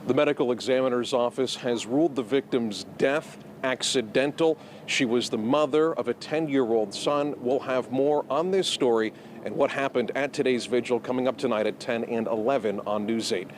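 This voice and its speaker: A male field reporter delivers a live news report outdoors in a measured, formal way. Faint traffic noise sits behind him. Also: medium pitch. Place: outdoors at a scene.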